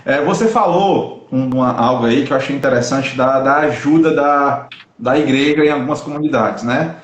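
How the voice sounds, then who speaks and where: A man's voice: medium pitch, moderate pace, roomy sound. A man, a pastor hosting an interview, asking long questions in a hesitant way, often restarting his phrases. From Northeast Brazil.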